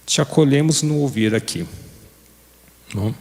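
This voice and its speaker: A man giving a conversational sermon to a recovery group, often turning to his listeners with questions. His pitch sits in the ordinary male middle. The long reverb of a church hall trails after his words. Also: measured pace, darkish tone. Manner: conversational, asks the audience questions.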